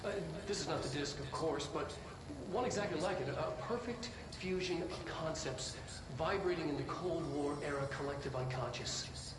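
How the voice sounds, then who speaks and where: A man playing an eccentric, enthusiastic government researcher in a video game briefing, halting and earnest, with wryly grandiose delivery. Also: on the high side, close to an everyday voice. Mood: earnest fascination. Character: eccentric enthusiastic male government researcher presenting an occult object. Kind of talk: presentation in a video game's recorded briefing. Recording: noisy, roomy, distant-microphone archive-film sound.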